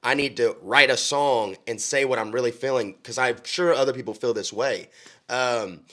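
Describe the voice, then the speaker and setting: A young country singer from Oklahoma, USA, speaks at a normal pace in a medium, slightly bright voice. He talks earnestly in a casual interview. His speech is full of ums and restarts.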